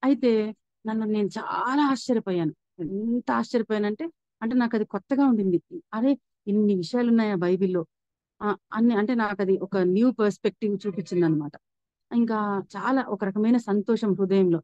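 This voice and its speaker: Woman sharing a faith testimony, quick and earnest, mellow tone, dull dry recording. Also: mid-range voice, no echo. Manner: earnest, reflective, many restarts and fillers. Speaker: speaker giving a personal faith testimony. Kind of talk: personal testimony storytelling.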